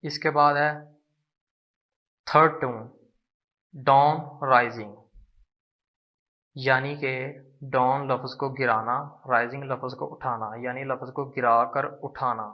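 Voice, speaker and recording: Slow, patient male language teacher. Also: medium pitch, fairly even intonation, lo-fi sound. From Pakistan. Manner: patient, repeats syllables with drawn-out demonstration. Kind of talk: slow explanatory lesson.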